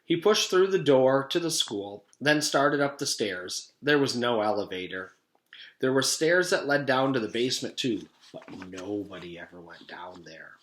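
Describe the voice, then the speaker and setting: Here a teacher-like male narrator reads a kids' storybook with deliberate, expressive delivery. His pitch is medium, and the room echoes.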